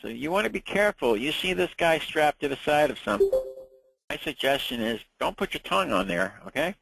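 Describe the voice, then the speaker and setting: A man's fairly high, sing-song, slightly fast and creaky voice competes with loud music in a rough recording. He's in his sixties, from Long Island, with a New York accent, giving a chatty, anecdote-filled ham radio licensing lecture and repeating words when he restarts.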